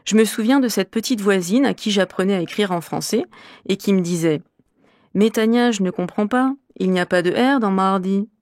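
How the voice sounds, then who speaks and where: A woman with a mid-range, darkish, natural voice speaks at a moderate pace in a studio-quality recording with no room sound. She plays a composed, curious, well-travelled middle-aged French teacher from Normandy, answering interview questions articulately and explanatorily for a language course.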